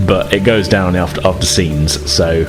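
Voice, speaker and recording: A man serves as game master for a tabletop roleplaying game, narrating in a low voice at normal speed, conversational and a little hesitant as he improvises. Loud music and rain sound effects play behind him.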